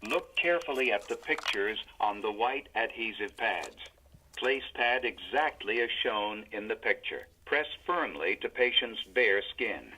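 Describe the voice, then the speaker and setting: A man voicing a defibrillator prompt, giving calm, impersonal step-by-step instructions as the machine. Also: on the low side, unhurried, slight background noise. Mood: calm, instructive. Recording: dull, lo-fi device audio.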